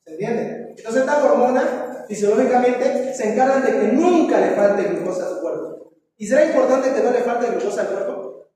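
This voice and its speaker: A man's voice: extremely high pitch, animated, moderate pace, warm tone. A male teacher giving a classroom review, questioning his students and tagging lines with a questioning "no?". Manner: quizzes students, tags lines with "¿no?". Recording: echoey hall, voice from far off, faint noise.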